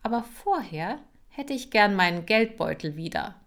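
A woman voicing a cool, self-assured young girl who gives calm, firm orders. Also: mid-range voice, normal speed, voice pushed up, close to an everyday voice. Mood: commanding. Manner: firm, calmly commanding.

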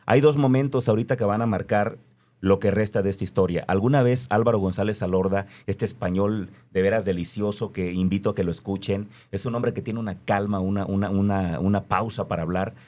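A man's voice: fairly low pitch, steady tone, a little fast, darkish tone. A man with a Mexican accent speaking earnestly in a reflective conversation, stressing his points by repeating them.

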